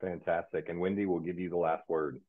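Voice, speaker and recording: A man moderating a panel webinar, relaxed and full of fillers and restarts. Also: low voice, fairly quick. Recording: tinny phone-like audio line.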